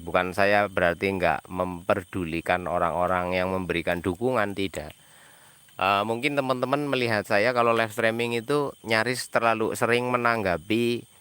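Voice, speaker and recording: A man's voice: on the low side, a bit bright, clean tone. A man, a content creator on a live stream, answering viewers' comments in an exasperated, argumentative way and repeating himself.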